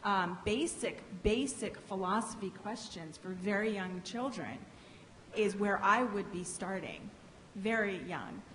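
A middle-aged woman speaking as a panelist at a conference, measured and explanatory, often restarting her phrases, into a table microphone. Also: mid-range voice, fairly bright tone. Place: large conference hall stage. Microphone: microphone on a table stand. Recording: reverberant hall, faint background hiss.

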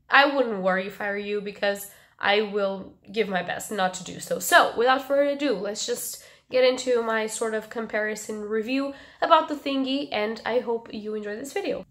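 A young woman with a stuffed, nasal voice and little voice left, chatting casually in a book review vlog and pausing to breathe. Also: mid-range voice, a bit bright. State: stuffed nose, losing her voice. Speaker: book vlogger.

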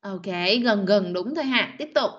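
A woman's voice: medium pitch, lively intonation, moderate pace, highs cut off. A woman teaching an online English class to children, patiently drilling words and correcting their pronunciation. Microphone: video call.

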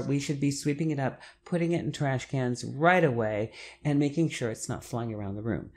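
A man's voice: medium pitch, a little mellow. A middle-aged man, a hairdresser, giving advice to camera while seated in a small room, stressing points by repeating words and gesturing as he talks. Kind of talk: talking-head advice video.

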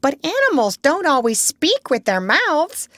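A woman voicing a clever, proud female parrot in a children's storybook, high-voiced, insistent and fond of instructing. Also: wildly swooping pitch, a little slow, fairly bright tone, no echo, heavily acted. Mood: instructive. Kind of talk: children's storybook character reading.

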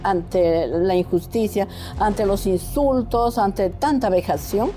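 A woman's voice: medium pitch, slow pace, warm tone, faint music behind. A woman, a lawyer and neighbor appearing as a talk show guest, telling her account insistently and with frequent restarts. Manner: insistent, repetitive, with hesitant restarts.

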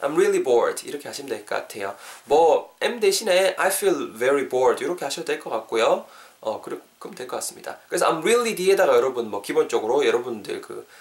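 A man teaching an English lesson in a video, upbeat and coaxing, spelling words out slowly. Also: medium pitch, big pitch swings.

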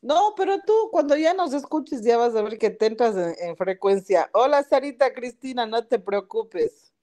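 A woman's voice: on the high side, lively intonation, normal speed, dark tone. A woman hosting a casual live stream, chatty and laughing often as she greets viewers by name. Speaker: podcast live-stream host. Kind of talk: casual live-stream chat reading comments.

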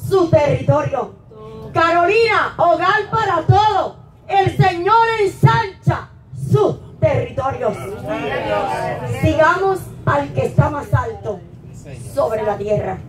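High-voiced woman preaching. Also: noisy background. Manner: preaching, rising to emphatic peaks then dropping low. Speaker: pastor. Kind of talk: sermon. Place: small church hall, at a wooden pulpit. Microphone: handheld mic, filmed from a distant camera. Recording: echoey church hall from far off.

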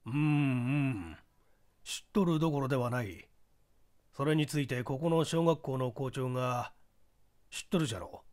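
A man's voice: mid-range voice, animated, moderate pace, long pauses, darkish tone, lightly acted. A man voicing a portly, self-important older police chief who drawls in Kyushu dialect. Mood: boastful.

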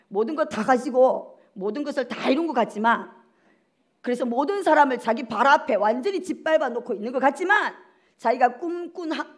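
High-voiced woman preaching emphatically. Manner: emphatic, rhetorical questions to the congregation. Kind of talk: sermon.

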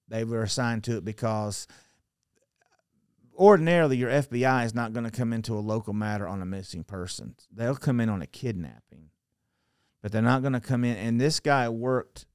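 A middle-aged man, seated in a book-lined study, tells a strange story to a podcast boom mic. His voice sits low and the sound is dry and close. He gestures as he talks, restarts his sentences, and lets his voice sink to near a murmur at the ends. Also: no echo. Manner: animated, gestures a lot, restarts and trails off quietly. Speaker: podcast guest. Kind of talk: storytelling conversation. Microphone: studio mic on a boom arm.

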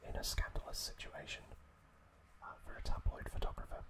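Recapping a story for ASMR, the male host keeps his breathy whisper close to the microphone, speaking in halting bursts separated by long pauses.

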